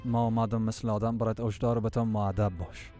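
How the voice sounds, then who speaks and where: Dub role: a man playing a serious, level-headed man with a low voice, lecturing. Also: little pitch movement, dark tone, soft background music, close to an everyday voice. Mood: stern. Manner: measured, lecturing. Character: stern man delivering a warning, patient then insulted.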